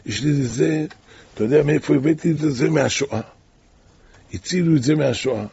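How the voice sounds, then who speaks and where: A man voicing a stubborn old male shopkeeper who insists, with a raspy, gravelly voice. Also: a little high, warm tone, no echo, heavily acted. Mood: insistent. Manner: insistent, refusing. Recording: dull lo-fi recording.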